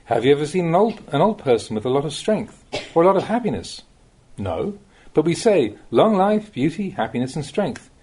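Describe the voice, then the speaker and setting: A Buddhist monk reads a recorded Dhamma talk of translated teachings in a soft, dark, slightly husky voice. His pitch moves freely and takes on a sing-song quality as he stresses key phrases, though his delivery stays plain and measured, like instructing students.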